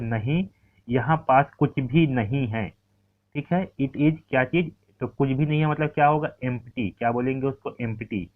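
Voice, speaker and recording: A male teacher explains an English lesson in a patient, repetitive way and keeps checking in with his listeners. His voice sits in a middle pitch. The recording is tinny and narrow, much like a phone line. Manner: repetitive, checks in with "ठीक है" often.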